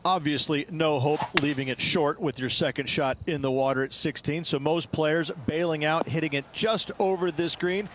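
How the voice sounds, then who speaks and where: A man's voice: on the high side, fairly even intonation, moderate pace, hardly any pauses, noisy background, natural voice. A man playing a golf commentator in a video game, adding knowing analysis as the colour man. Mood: knowing, measured.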